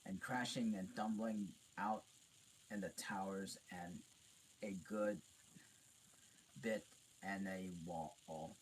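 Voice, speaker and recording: A man reading a storybook aloud, slowly and haltingly, stumbling and restarting as he goes. His voice sits low, and a faint hiss runs underneath. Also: poor audio. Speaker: reader.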